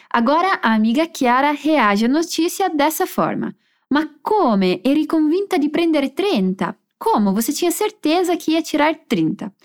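Lively high-voiced woman teacher. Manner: slows down to model phrases clearly for repetition. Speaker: language teacher. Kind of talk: language lesson.

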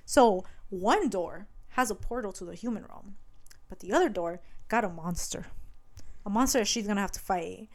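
A woman co-hosts a casual book podcast. She talks in an animated way at a medium pitch, laughing often and slipping into the characters' lines as she retells the story. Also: moderate pace. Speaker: podcast co-host.

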